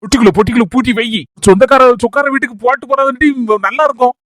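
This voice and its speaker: A man's voice: very high voice, rapid-fire, fairly bright tone, no room sound. A man with a Kanyakumari Tamil accent playing a bossy middle-aged husband who scolds and gives orders in a family comedy skit. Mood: scolding.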